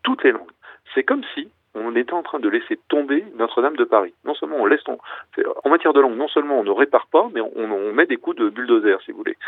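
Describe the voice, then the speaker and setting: A man's voice: mid-range voice, no room sound. A man who is a guest author on a radio interview, calling in by phone, arguing his case with passion. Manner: passionate, argumentative. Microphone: telephone. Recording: tinny dry phone line.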